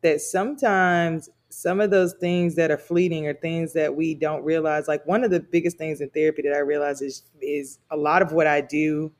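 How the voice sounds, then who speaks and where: Man with a slightly high voice, reflecting. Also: little pitch movement, moderate pace, few pauses. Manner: thoughtful, self-correcting restarts. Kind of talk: reflective casual chat.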